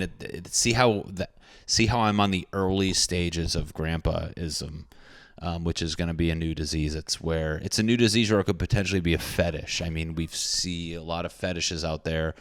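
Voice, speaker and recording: A man in his thirties talks alone on his podcast, rambling crudely and poking fun at himself. His voice sits low and comes across smooth and resonant. The sound is dry and close, with no room around it. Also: no room sound. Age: 30s. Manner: rambling, crude and self-mocking. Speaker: podcast host. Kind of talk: casual solo podcast monologue.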